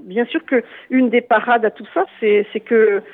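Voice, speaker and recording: Halting man on a tinny phone line. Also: very high-pitched, steady tone. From Lyon area, France. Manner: hesitant, halting, many fillers and restarts. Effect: heard over a phone line. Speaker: phone-in guest. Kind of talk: radio phone interview.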